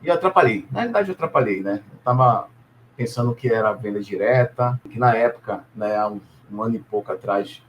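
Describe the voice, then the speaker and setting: A middle-aged man from Salvador, a businessman telling his story as an interview guest, relaxed and hesitant with frequent tag questions. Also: lowish voice, fairly quick, muffled recording, slight background noise. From Salvador, Brazil. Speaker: guest, businessman and property investor.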